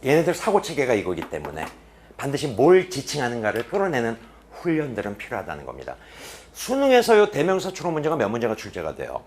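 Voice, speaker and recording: Speaking fast at a medium pitch, this man leads an English reading lesson in a boarding academy classroom, asking his class questions he then answers on his own. His delivery is lively, punctuated by sudden quiet, emphatic moments, with slight noise in the background.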